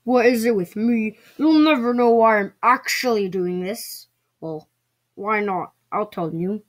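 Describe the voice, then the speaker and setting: A woman's voice: medium pitch, close to an everyday voice. A woman voicing a boastful, evil male Christmas monster who cackles and gloats in a playful home-video skit. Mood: smug. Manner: cackling, gloating, drawn-out threats.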